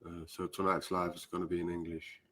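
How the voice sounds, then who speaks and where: A Danish man speaking English as a second language, with a Danish accent, hosts a casual spiritual live stream. He hesitates often, filling pauses with "uh" and "um." His voice is low-pitched and a bit bright, delivered completely flat.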